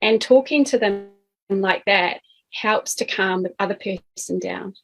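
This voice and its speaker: A middle-aged woman on a video call, calmly explaining as a guest and workshop teacher, sometimes acting out examples. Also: mid-range voice, unhurried, vocal fry, faint music behind, rough recording. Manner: calm, explanatory, acts out examples. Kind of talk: casual chat, video call.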